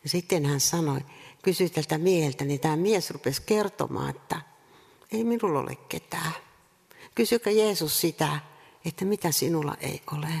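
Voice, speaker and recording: A woman preaching a sermon earnestly, repeating rhetorical questions and pausing between phrases. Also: low-pitched, gravelly, a little mellow, breathy edge. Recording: reverberant hall sound.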